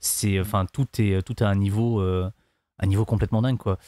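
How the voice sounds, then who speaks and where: A man's voice: on the low side, steady tone, fairly quick, dark tone, dry recording. A man discussing films casually as a panelist, often searching for his words. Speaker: podcast panelist.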